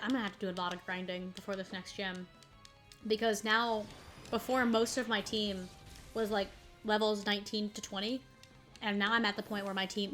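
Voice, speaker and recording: A woman's voice: medium pitch, fairly bright tone. A woman streaming a video game, chatting casually and rambling as she plays, often breaking into laughter. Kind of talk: casual gaming commentary.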